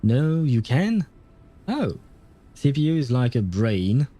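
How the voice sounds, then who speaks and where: A male gaming streamer with a mellow, mid-pitched voice. He comments casually on his playthrough, often hesitating as he thinks aloud. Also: sing-song, takes it slowly.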